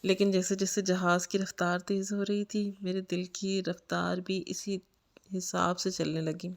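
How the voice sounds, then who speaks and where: A woman's voice: fairly low pitch, little pitch movement, vocal fry. A woman narrating a story in the first person, earnest and anxious.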